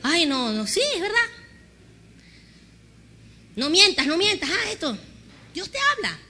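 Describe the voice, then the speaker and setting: A woman pastor preaching an animated sermon, acting out conversations and having the congregation repeat after her. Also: very high-pitched, measured pace. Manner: animated storytelling, acts out dialogue with God.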